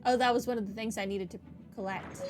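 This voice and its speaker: A woman talks at a quick pace in a medium pitch with fairly even intonation, with video game music playing behind her. She's a game streamer giving casual playthrough commentary sprinkled with wry, playful asides.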